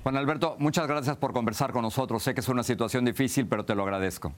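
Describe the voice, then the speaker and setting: A male podcast host with a mid-pitched voice, speaking slowly and deliberately. He introduces the story and puts questions to his guest in an even, serious news-interview manner.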